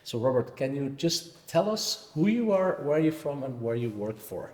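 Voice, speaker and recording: A man's voice: medium pitch, sing-song, moderate pace, a little mellow. Belgian male interviewer, friendly and chatty, long hall reverb. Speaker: interviewer, host. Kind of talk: conference interview. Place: conference venue, echoey hall. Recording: echoey conference hall.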